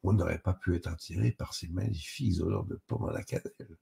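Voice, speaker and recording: A man voicing an eager young male newcomer who talks in a hurried, apologetic way. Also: low voice, gravelly, mellow, slightly rough, exaggerated voice.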